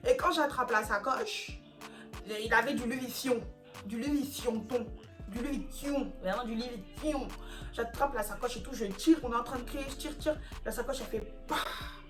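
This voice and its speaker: A young woman from France tells a story to camera with lively, slangy drama, her voice sitting a little high for a woman. Music plays clearly underneath her talk. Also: normal speed. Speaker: YouTuber telling a story. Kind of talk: animated storytime vlog.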